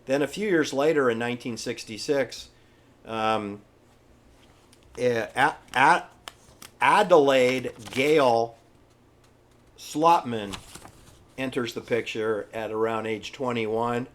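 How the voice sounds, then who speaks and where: A man giving informal, opinionated history commentary in an emphatic, halting, repetitive manner. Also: medium pitch, fairly bright tone, a little hiss or hum. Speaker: presenter. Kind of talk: informal conspiracy-history commentary over pictures.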